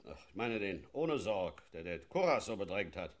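A man's voice: low-pitched, moderate pace. An actor playing a zealous policeman who gloats about using force in a satirical sketch. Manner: gloating, leering, lively. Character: zealous male riot policeman, relishing force. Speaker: policeman character.

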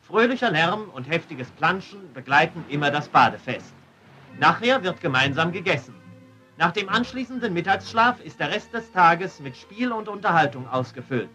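An old newsreel narration by a man with a bright, sharp, slightly high voice. He announces in a crisp, upbeat way, with faint music underneath. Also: animated, moderate pace, poor audio. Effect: old newsreel narration played from archive.

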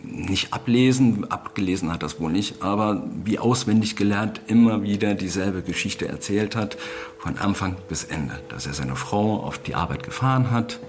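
Male photo reporter, deep gravelly voice, faint hum behind. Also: normal speed. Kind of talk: interview account.

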